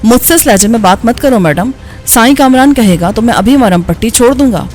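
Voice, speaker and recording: A woman's voice: fairly high pitch, animated, darkish tone, soft background music, natural voice. A woman voicing a loyal male servant. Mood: indignant. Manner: respectful, calls his master "sain". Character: loyal male servant with first-aid training.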